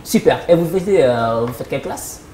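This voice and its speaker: Low-voiced woman hosting a quiz. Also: expressive, moderate pace, mellow. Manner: upbeat announcer, cues applause and addresses viewers. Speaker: game show host. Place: TV studio. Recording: echoey studio with faint noise.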